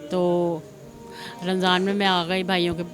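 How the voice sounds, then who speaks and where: Over background music, a middle-aged woman with a Pakistani accent tells her life story as an interviewee, slightly slowly and in a flat, low voice. Her account wanders, circling back on itself and retelling what people said.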